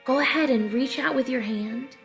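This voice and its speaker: High-pitched and gravelly, at a moderate pace, a young woman talks children through a drama activity as their teacher, explaining and encouraging with pantomime narration. She's indoors in her living room on a webcam or arm's-length laptop, soft quiet music underneath.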